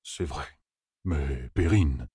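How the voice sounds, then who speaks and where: A man reading an audiobook voices a gentle, huge, non-human Ogier who pleads softly and anxiously. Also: a bass voice, drawn-out words, husky, no room sound, studio quality, voice pushed down, exaggerated voice. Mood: anxious pleading. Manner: soft, pleading, slightly trembling.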